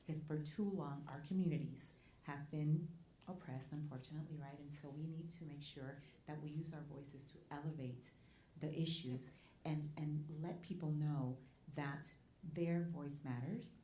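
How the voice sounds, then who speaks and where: Speaking on a community forum panel, a nonprofit president from Puerto Rico, who is Spanish, delivers an earnest public talk and keeps checking in with "right?". Her low, mellow voice holds a steady tone at a moderate pace, and the echoey hall adds faint background noise.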